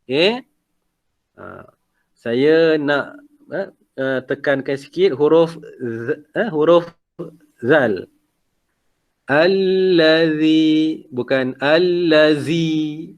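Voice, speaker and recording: Seorang guru tilawah lelaki dari Malaysia berloghat Melayu Malaysia, mengajar dengan sabar, melagukan ayat lalu menerangkan tajwid melalui panggilan video. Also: male voice, a little high, animated, takes it slowly, long pauses, highs cut off. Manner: patient, corrective, chants verses melodically then explains. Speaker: Quran recitation teacher. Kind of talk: online recitation lesson.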